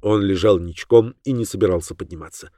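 A man narrating an audiobook in a measured, dramatic manner. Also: low voice, warm tone, no echo, studio quality.

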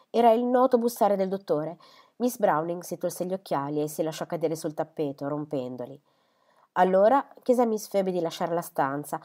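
A woman narrates a classic novel in a measured, expressive way. Her voice sits slightly low for a woman. It is a plain audiobook reading. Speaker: audiobook reader.

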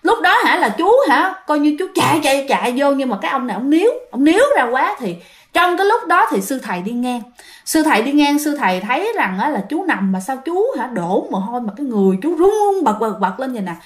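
Woman, young adult, Southern Vietnamese accent, high voice, casual ghost-story telling, chatty and full of fillers. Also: very animated, brisk. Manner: chatty, addresses listeners, many fillers.

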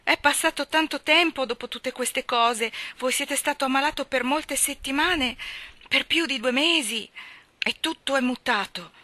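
A woman's voice: high-pitched, moderate pace, pushed and bright, dry recording, voice pushed up. A woman reading the part of a loving young daughter who pleads tenderly with her father. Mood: pleading. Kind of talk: audiobook character reading.

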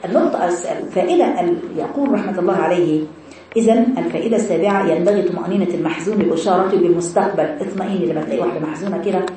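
A woman's voice: lowish voice, racing, dark tone. A woman teaching a Quran commentary lesson, speaking fervently to her students as her daughters. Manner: fervent, addresses listeners as "my daughters". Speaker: religious teacher. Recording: echoey hall, distant mic, audience noise.

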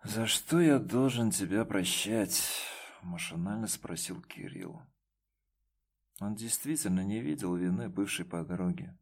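Slow-reading male audiobook narrator. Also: fairly low pitch, vocal fry, darkish tone. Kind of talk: scripted narration.

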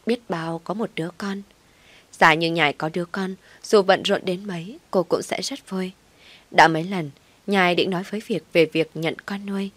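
A woman narrating a family drama story in expressive audiobook style. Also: fairly low pitch, no echo.

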